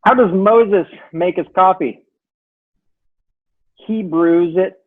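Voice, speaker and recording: A man's voice: sits high, slow pace. A man telling dad jokes in a joke battle, posing a question and giving the answer, in slightly dull sound.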